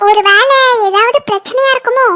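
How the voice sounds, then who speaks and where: A woman doing a squeaky fretful cartoon housewife. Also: moderate pace, sharp tone. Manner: high-pitched, fretful, whiny lamenting. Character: fussy, nervous middle-aged housewife. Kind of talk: cartoon voice acting.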